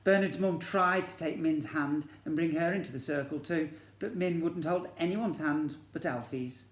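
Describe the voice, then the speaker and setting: A slightly high-voiced man reads at a normal speed to his infant school pupils, bringing expression to the storybook and asking the kids questions. The room he's in echoes.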